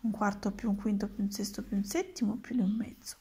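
A woman voicing an impatient old male wizard who teaches maths, in brisk exclamations. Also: medium pitch, animated, warm tone, breathy edge.

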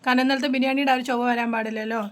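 A woman's voice: high-pitched, fairly even intonation, rapid-fire. A woman chatting casually in a home vlog, explaining her cooking. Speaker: family vlogger.

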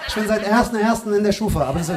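High-voiced man roasting a laughing crowd. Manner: teasing, loud, fast banter with slang fillers. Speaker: stand-up comedian doing crowd work. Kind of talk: live stand-up crowd work. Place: live comedy club stage. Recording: live room with crowd laughter. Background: audience laughter.

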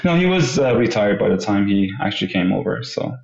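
A man's voice: fairly low pitch, sing-song, a little fast, vocal fry. A man in his thirties from Iran, a guest speaking earnestly in a casual interview, often saying "you know". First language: Persian. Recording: roomy, dull lo-fi remote line.

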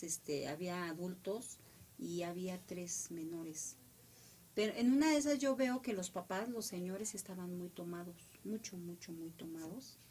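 A middle-aged woman with a Mexican accent telling a story with emotion, now loud, now dropping to a whisper. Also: on the low side, slight background noise. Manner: animated, drops to whispers.

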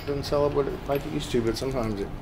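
A man's voice: medium pitch, quick pace, background noise. A man gives a loose, joking preview tour of an auction warehouse. He chats about items as he walks with a handheld camera. The recording carries noticeable warehouse ambience. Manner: chatty, joking, easily excited. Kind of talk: casual walkthrough commentary. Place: large warehouse, indoors.

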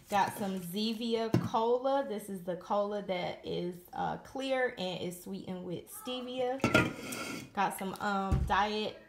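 A woman's voice: mid-range voice, background noise. Chatty woman in an echoey kitchen. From Detroit, Michigan. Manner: chatty, listing items with fillers. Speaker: vlogger. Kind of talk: casual grocery haul narration. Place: home kitchen, indoors.

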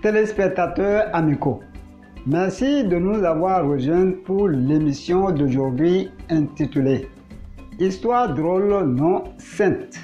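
Broadcast announcer, dark warm tone, unhurried and formal; lo-fi recording with soft music behind. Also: medium pitch. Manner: measured, formal delivery. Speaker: program announcer. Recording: dull lo-fi broadcast audio over music.

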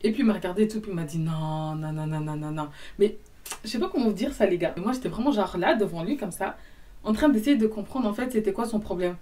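Animated young woman telling a story. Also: mid-range voice, fast, far from the mic. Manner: animated, acts out both sides of dialogue. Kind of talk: casual storytime monologue.

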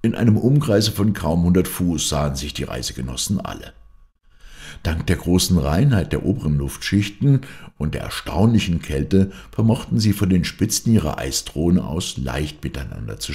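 Deep gravelly male audiobook narrator. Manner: lively storytelling, voicing each character's quoted lines. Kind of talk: scripted narration of a classic novel.

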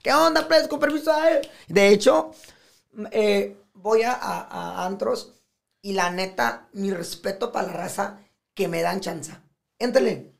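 A man with a Mexican accent talking as a podcast guest in casual conversation, animated and profane, often acting out what others say. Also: sits high, takes it slowly, gravelly. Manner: animated, profane, acts out quoted speech.

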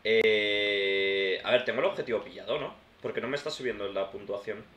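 Chatty gamer thinking aloud. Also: male voice, on the low side, very fast. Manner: chatty, thinks aloud, addresses viewers as "tío" and "hermanos". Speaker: gaming YouTuber. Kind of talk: casual let's-play commentary. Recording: roomy sound with faint background noise.

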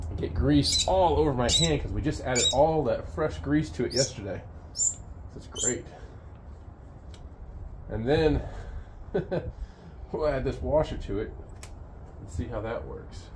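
A man's voice: mid-range voice, measured pace, long pauses. Man, everyday mid-range voice, hands-on how-to, outdoor sawmill, handheld camera, faint hiss behind. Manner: relaxed, explains step by step with fillers. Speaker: sawmill owner showing a repair. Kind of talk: casual how-to demonstration. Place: outdoors at a sawmill under an open shed.

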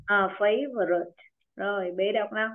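A woman teaching an online English pronunciation lesson with a Vietnamese accent, encouraging students and repeating words slowly for them. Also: mid-range voice. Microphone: video call. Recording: tinny phone-like video call audio.

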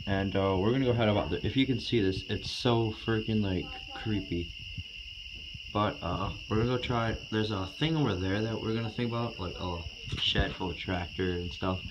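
A man's voice: fairly low pitch, fairly quick, few pauses. A nervous young man narrating a casual exploring vlog in slangy, repetitive phrases. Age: young adult. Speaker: vlog host. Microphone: handheld phone. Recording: very noisy handheld phone recording.

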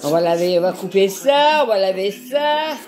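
A woman's voice: mid-range voice, lively intonation, moderate pace, a little mellow. An older woman from France chatting casually while peeling vegetables, earthy and talkative, tagging her sentences with little asides. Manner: earthy, chatty, constant "hein" tag. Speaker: home cooking vlogger.

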